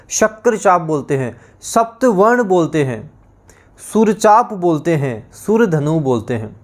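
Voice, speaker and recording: A male teacher giving an online exam-prep lesson, encouraging his students and repeating word lists in a drilling rhythm. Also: sits high.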